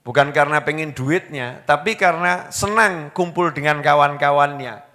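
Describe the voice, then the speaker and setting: A man's voice: on the high side, sharp tone. A man with a Javanese Indonesian accent preaching a humorous sermon, acting out quoted husbands and wives and putting questions to his audience. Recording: reverberant hall.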